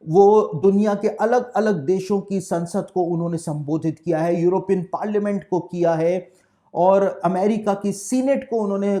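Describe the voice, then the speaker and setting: A pastor giving a deliberate, explanatory Bible prophecy talk in a preaching style, restating each point twice. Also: male voice, high voice, warm tone.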